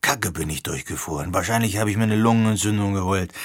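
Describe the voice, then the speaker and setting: A cranky young man with a head cold, grumbling blunt remarks in a lowered voice. A male narrator puts him on. The sound is close and dry. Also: fast talker, no room sound, natural voice. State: sniffly from a cold. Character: grumpy sniffling chilled young man.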